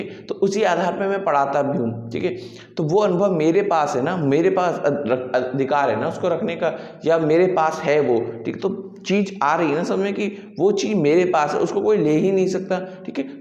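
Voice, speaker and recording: A man teaching an English grammar lesson in Hindi. He repeats himself, keeps saying "theek hai" and often clears his throat. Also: a little high, a little mellow. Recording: echoey room, slightly dull sound.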